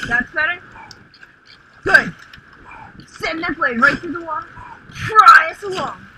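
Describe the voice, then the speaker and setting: A young woman coxswain calls stroke commands through the boat speaker in a very high, piercing voice, spacing her words out into rhythmic bursts. She drives the crew like a rowing coach and climbs to urgent shouts on the power pushes. Her headset mic on the open water picks up clear wind and water noise behind her. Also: expressive, takes it slowly. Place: outdoors on the water in a rowing shell. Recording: noisy outdoor coxswain headset recording.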